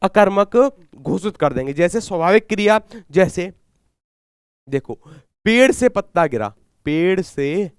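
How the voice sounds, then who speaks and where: Unhurried and lively in intonation, this Hindi exam teacher speaks with a Haryanvi accent in a fairly high, clean voice that is slightly sore in the throat. Leading a live exam-prep class, he shoots questions, answers them, repeats each key term, and calls himself guruji, with dry, close sound and no echo.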